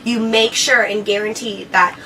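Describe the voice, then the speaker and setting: A woman's voice: medium pitch, fairly even intonation, moderate pace, sharp tone. A woman presenting a safety training video, explaining and demonstrating to viewers in an instructional walkthrough style. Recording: distant mic, clearly noisy ambience.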